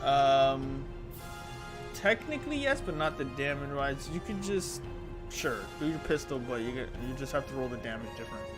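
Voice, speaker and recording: A man's voice: mid-range voice, very animated, normal speed. A man narrating and refereeing a tabletop role-playing game as game master, with playful, dramatic storytelling and casual language. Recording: music playing clearly behind the voice.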